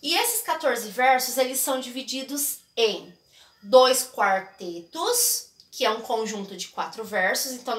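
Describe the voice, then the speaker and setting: A woman teacher with a Brazilian Portuguese accent and a slightly high, somewhat bright voice explains a literature lesson in an echoey room. It's a recorded classroom lesson, and she keeps checking in with her students through frequent tags.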